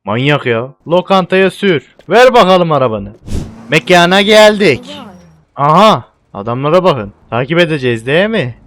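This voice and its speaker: A young man giving excitable gameplay commentary, often shouting and laughing at what happens on screen. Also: a little high, normal speed. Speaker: gaming YouTuber.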